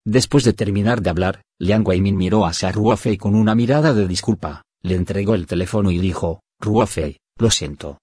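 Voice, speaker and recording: Husky low-voiced male audiobook narrator. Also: a little fast, hardly any pauses, mellow, no echo, studio quality. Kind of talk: scripted novel narration.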